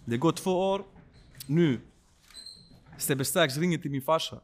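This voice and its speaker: A man telling a personal story in a casual podcast chat, slangy and animated, often checking that the listener follows. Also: a little high, a little hiss or hum. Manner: slangy, animated, keeps asking if you follow. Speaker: podcast guest.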